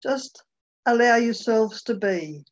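A woman leading a guided meditation, speaking gently and unhurriedly with long pauses. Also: on the high side, expressive, muffled recording.

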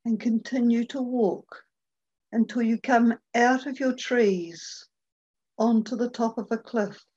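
A woman leading a guided meditation, speaking gently and unhurriedly with long pauses. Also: on the high side, steady tone, husky, muffled recording.

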